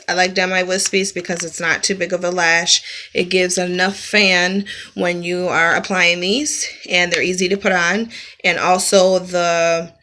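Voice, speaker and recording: A young woman with a slightly low but bright, forceful voice walks through her beauty routine in a relaxed, chatty way. She explains each product step by step and fills pauses with ums. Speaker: beauty vlogger. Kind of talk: casual makeup tutorial. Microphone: camera mic, close-ups to the lens.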